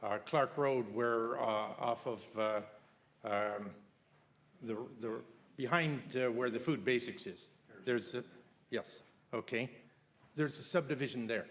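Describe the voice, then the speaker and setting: A man speaking as a resident at a council meeting, halting with many fillers and turning blunt. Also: medium pitch, a bit bright. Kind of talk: public comment at council meeting. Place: council chamber.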